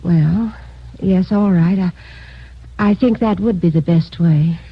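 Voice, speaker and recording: An actress in a 1950s radio drama playing a dignified, wealthy widow in subdued grief, hesitant and formal. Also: female voice, on the low side, slow, a little hiss or hum. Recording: very muffled vintage radio recording.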